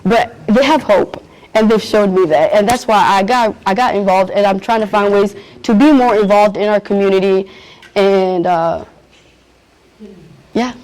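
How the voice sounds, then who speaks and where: A young adult at a community event answers interview questions earnestly, searching for the right words. The voice is mid-range and a little mellow, at a moderate pace, in a rough recording.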